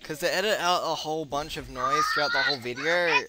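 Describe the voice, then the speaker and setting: A man's voice: fairly high pitch, fairly quick. A young man chatting and joking as he plays a video game, teasing his friends and laughing often. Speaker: gamer recording a let's play. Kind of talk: casual gaming chatter. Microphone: desk mic with friends talking nearby. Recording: noisy room with chatter behind. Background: friends laughing and shouting.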